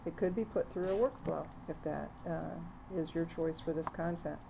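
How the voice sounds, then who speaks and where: A woman narrating a screen-recorded software demo, walking through the steps plainly with frequent fillers. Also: deep voice, normal speed, creaky, background noise. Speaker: software demonstrator.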